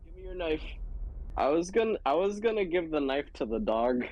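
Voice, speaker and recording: Give me a playful, eager man as a tabletop player, with a lively, slightly high voice. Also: moderate pace, no echo, highs cut off. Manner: playful, jokey, jumps in eagerly.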